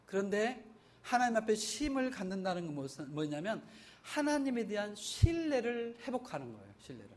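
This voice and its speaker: A male pastor delivering a Sunday sermon in a notably high voice. He preaches emphatically, rising to loud peaks and then dropping to soft, trailing phrase endings. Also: sing-song. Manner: emphatic, swinging between loud surges and soft, drawn-out endings.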